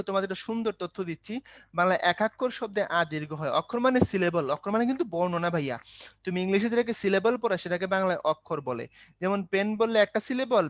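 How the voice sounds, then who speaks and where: A man teaching Bengali grammar in an online demo class, lively and rhythmic as he drills terms and speaks directly to his students. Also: sits high, no echo.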